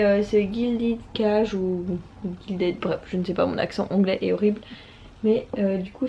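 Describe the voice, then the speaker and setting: A woman's voice: medium pitch, mellow, slight background noise. A young woman and student chatting casually about books for her vlog, with many fillers and restarts. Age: young adult. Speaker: book vlogger. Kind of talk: casual chat.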